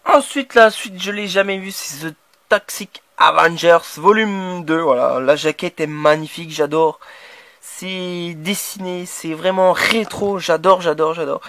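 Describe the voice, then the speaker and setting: A man with a French accent talks through his horror DVD purchases in a casual, rambling way, full of restarts and fillers. His voice sits high for a man. The recording is dry and close, with no room echo. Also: a little slow, a bit bright. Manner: hesitant, many restarts and fillers, enthusiastic. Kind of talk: casual unboxing chat.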